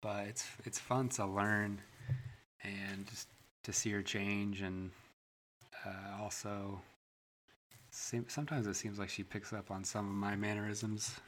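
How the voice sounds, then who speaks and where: Easygoing young dad, lowish voice. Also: male voice, level tone, unhurried, fairly bright tone, slight background noise. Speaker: guest, new father. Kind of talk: casual chat.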